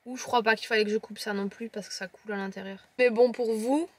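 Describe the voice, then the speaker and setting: A woman's voice: mid-range voice, steady tone, fast talker, no echo. A woman with a Lorraine French accent, chatting playfully to camera as she tastes chocolates and describes them. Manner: chatty, playful, teasing viewers. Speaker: vlogger tasting chocolates. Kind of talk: casual tasting vlog to camera.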